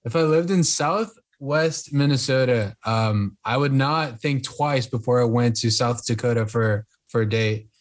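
A young man in casual podcast chat, slow and hesitant, reading facts aloud with pauses. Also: mid-range voice. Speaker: podcast co-host.

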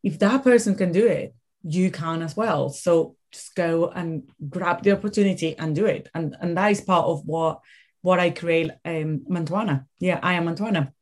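Female interview guest, Venezuelan accent, slightly low pitch, emphatic conversational storyteller. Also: moderate pace. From Caracas, Venezuela. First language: Spanish.

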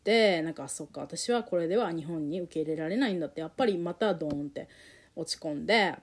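A woman telling her own story in a candid, emotional and reflective way, with many pauses and fillers. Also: on the low side, expressive.

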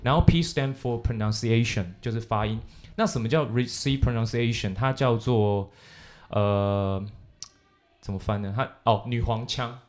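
A man's voice: medium pitch, a little slow. A young man chatting casually, explaining at length and mixing English words and phrases into his talk. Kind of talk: casual chat.

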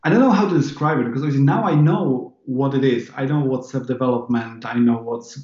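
A Polish man in his thirties, speaking accented English, rambles as a guest in a casual interview, often restarting his sentences. His medium-pitched voice is brisk and warm, though the recording sounds roomy and muffled.

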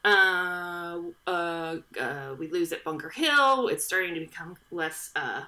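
In a lowish, animated voice that's pushed and bright, a female podcast host takes her time retelling history. The chat is casual and jokey, recorded on a studio podcast microphone, and loaded with fillers and digressions.

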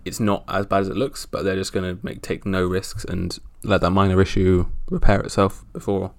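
A man with a gravelly voice hosting a casual sports roundup podcast solo, speaking in a halting, wry way. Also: low voice, level tone, no room sound. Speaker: podcast host.

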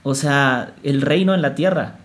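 A man's voice: mid-range voice, measured pace. A man hosting an interview, speaking reflectively with hesitant restarts. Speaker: interviewer, host. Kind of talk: casual conversation.

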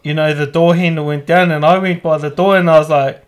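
A man's voice: fairly high pitch, fairly even intonation, brisk. A young man telling a story in casual chat, laid-back, rambling, and swearing freely.

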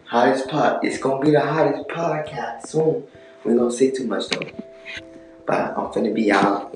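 Boastful young man podcasting, echoey with music. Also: on the low side. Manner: boastful, playful. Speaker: podcast host. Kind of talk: casual slangy chat.

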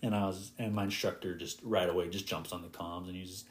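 A man's voice: low-pitched, fast talker. Young male flight instructor telling stories. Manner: lively, animated retelling of radio calls. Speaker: flight instructor, podcast guest. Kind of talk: casual storytelling in conversation.

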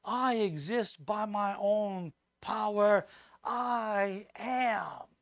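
A male preacher voicing God in a low, slow, hushed and measured way. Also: no echo, studio quality, heavily acted. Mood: solemn. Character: solemn commanding voice of God.

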